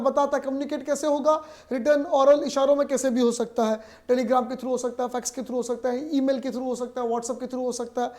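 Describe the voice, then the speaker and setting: A man teaching a class in a high, light voice. He poses questions, answers them himself and repeats the key terms. He keeps it playful, with joking asides between the points. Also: darkish tone. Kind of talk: classroom lecture.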